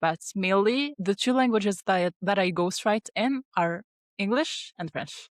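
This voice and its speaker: An unhurried, mid-range voice belongs to a young Tunisian woman, Arabic her mother tongue, who is a dental student and ghostwriter. She's a guest in a casual interview, recorded in studio quality with no echo, talking chattily with frequent laughter, fillers, and restarts.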